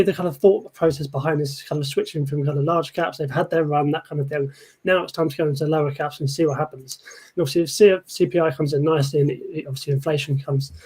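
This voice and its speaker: Fast-talking husky man with lots of hedges. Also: a little high, darkish tone. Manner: rushed, heavy on hedges like "kind of". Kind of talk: casual market chat.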